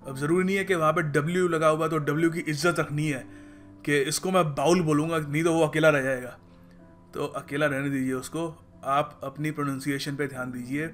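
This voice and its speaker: Casting: man, slightly high voice, unhurried playful teacher, faint music under him. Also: steady tone, fairly bright tone. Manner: playful, acts out common mistakes, says words slowly to demonstrate. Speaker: pronunciation teacher. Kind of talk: casual spoken lesson with a joking tone.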